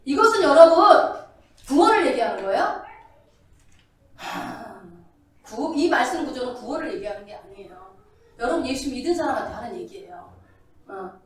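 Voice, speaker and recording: A woman's voice: high voice, sing-song, normal speed, long pauses. A woman pastor preaching a sermon in a church, asking the congregation questions. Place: church sanctuary. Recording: very echoey, distant from the mic.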